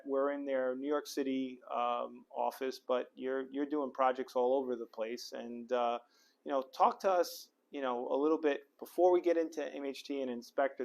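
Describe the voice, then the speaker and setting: A middle-aged man hosts a podcast from a city office, chatty and upbeat in a casual interview chat, full of fillers and restarts. His voice is medium-pitched and creaky.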